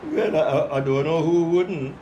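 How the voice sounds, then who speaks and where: An older man chatting casually on the phone, talking like an old man in a halting way and repeating his words. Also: fairly high pitch, warm tone, highs cut off. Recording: echoey room, clear background noise.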